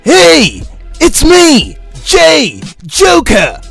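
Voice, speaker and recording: A man voicing a manic comic-book villain clown, theatrical, shouted and drawn out, with a creaky voice. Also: extremely high pitch, huge pitch swings, very slow, over loud music, full character voice. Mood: manic, gleeful. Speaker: mimicry artist.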